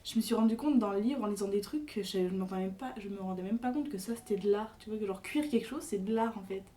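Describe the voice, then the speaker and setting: A woman's voice: mid-range voice, quick pace, warm tone, recorded from a distance. Hesitant young woman, off-mic. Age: young adult. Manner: hesitant, many fillers and restarts. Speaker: podcast co-host presenting a book. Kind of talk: casual chat.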